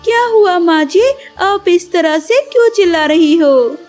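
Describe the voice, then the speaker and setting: A woman voicing a gentle, humble young wife bird in a cartoon, speaking politely and caringly. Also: extremely high pitch, expressive, measured pace, soft background music.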